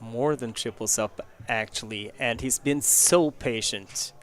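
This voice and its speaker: A man's voice: medium pitch, measured pace, a bit bright. A man giving play-by-play commentary on a live poker tournament.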